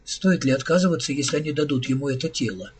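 A man narrating a science fiction audiobook in a measured, even storytelling manner. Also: mid-range voice, slightly rough.

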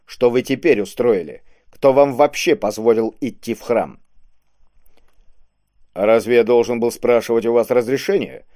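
A man voicing a stern, commanding male police inspector in an audiobook, gruff and scolding. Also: mid-range voice, normal speed, dark tone, dry recording, studio quality, close to an everyday voice. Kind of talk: audiobook character voice.

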